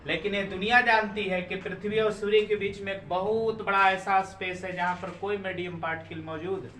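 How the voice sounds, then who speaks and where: A man's voice: sits high, fairly even intonation, moderate pace, a crowd in the background. A man teaching physics in a classroom lecture, often asking the class questions and repeating their answers. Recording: roomy classroom, from far off.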